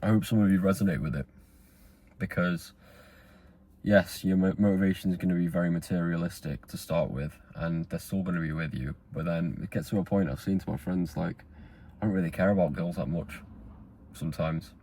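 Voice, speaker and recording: A man in his twenties talks straight to camera in a rambling, earnest motivational monologue full of fillers and restarts. His low, dark voice is slightly rough, fairly quick, and fairly even in intonation.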